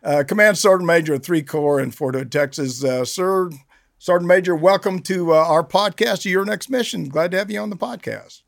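A man's voice: high-pitched, moderate pace, creaky. An older man hosting a military podcast in a jovial, gung-ho, casual way, often chuckling as he talks. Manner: jovial, chuckling, gung-ho army talk with hooah shouts. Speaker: podcast host, retired army senior enlisted leader.

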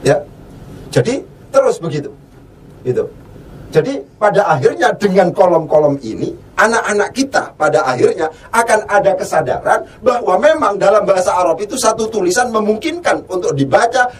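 A man teaching Arabic grammar, spelling out letters and drilling word forms as he asks and answers his own questions. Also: high-pitched. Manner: slows to a drawn-out chant on example words. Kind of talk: classroom lesson. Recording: voice picked up from a distance.

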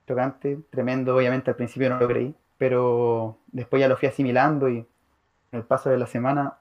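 An earnest young Chilean man talks in a casual chat at a medium pitch. The recording sounds dull and lo-fi. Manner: earnest, slangy. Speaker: podcast co-host. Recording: dull lo-fi audio.

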